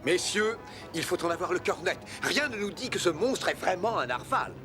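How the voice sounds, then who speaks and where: A composed cartoon gentleman, measured in speech, with a fairly high voice that moves in lively curves. Music sits behind him. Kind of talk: cartoon dubbing.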